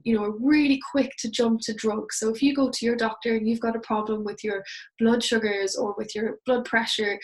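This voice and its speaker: A woman with a west of Ireland accent speaks as a guest presenter. Her voice sits a little high, and she explains things in an informal, conversational way. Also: poor audio. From Galway, west of Ireland.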